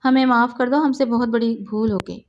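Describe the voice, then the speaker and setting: A woman's voice: on the high side, fairly even intonation, dull audio, lightly acted. A woman reading the lines of a guilt-stricken older aunt who begs forgiveness through tears in a storybook reading. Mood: tearful. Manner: tearful, begging forgiveness.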